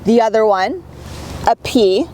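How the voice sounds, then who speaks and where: A woman's voice: fairly high pitch, animated, unhurried, dark tone, slight background noise. A woman reviewing a car, chatty and enthusiastic as she walks through its features. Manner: chatty, enthusiastic, with little laughs. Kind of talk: upbeat car review walkthrough.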